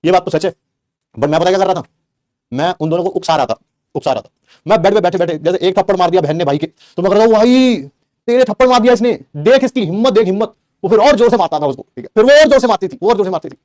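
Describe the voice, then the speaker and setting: A middle-aged man from tells a story to his class in a quick, high voice. He jokes and acts out his relatives' lines with energy. The sound is close and dry. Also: dry recording. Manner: animated, joking, acts out family quotes. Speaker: teacher. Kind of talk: storytelling aside in a class lecture.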